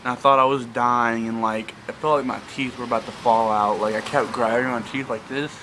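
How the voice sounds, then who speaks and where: A man's voice: medium pitch, steady tone, brisk, sharp tone, slight background noise, rough recording. A young man telling a story in a casual, rambling way, filling his speech with "like.". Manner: rambling, heavy use of "like".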